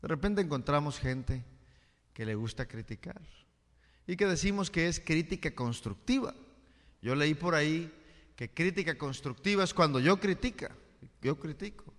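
A man's voice: a little high, lively intonation, moderate pace, fairly bright tone. A male pastor giving a conversational sermon, often checking in with the congregation through rhetorical questions. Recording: long hall reverb.

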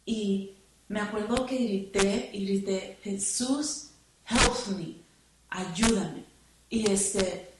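A woman telling her testimony in church, halting and repeating words as she remembers. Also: mid-range voice. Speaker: church member giving testimony. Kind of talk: spoken testimony. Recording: echoey room, far from the mic, noisy.

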